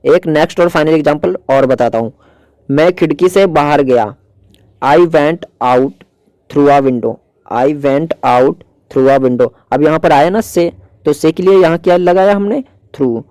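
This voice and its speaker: English grammar teacher, man, slightly high mellow voice, dry close recording, patient. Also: dry recording, low-quality recording. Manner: explains patiently, repeating example sentences slowly. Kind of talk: Hindi grammar lesson with English examples.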